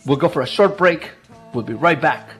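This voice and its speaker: Male radio host, high-pitched, casual and jokey, broadcasting from home. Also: animated, normal speed, a bit bright, soft background music. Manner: chatty, jokey, laughs often. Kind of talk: casual live radio talk. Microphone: video call.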